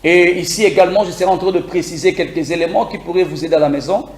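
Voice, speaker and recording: A man teaching a beginners' English lesson on air, lively and repetitive, asking listeners to repeat phrases after him. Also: sits high, quick pace, roomy sound. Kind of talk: live broadcast English lesson.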